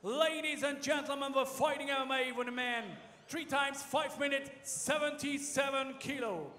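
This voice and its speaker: High-pitched male arena announcer, echoing hall. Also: steady tone, sharp tone. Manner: drawn-out, booming arena announcer delivery. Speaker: ring announcer. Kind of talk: formal fight introductions. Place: large indoor fight arena. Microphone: handheld microphone. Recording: echoey arena PA from far off.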